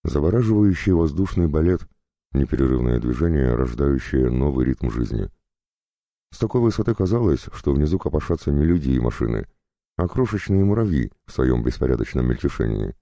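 Very deep, gravelly man narrating a story. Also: big pitch swings, fairly quick, mellow, no room sound, clean studio sound. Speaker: audiobook narrator. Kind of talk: scripted first-person story narration.

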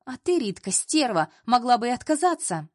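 A woman voicing a jealous young female colleague who is shrill and picks fights. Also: a little fast, dry recording, clean studio sound, natural voice. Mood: snapping. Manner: shrill, scandal-making.

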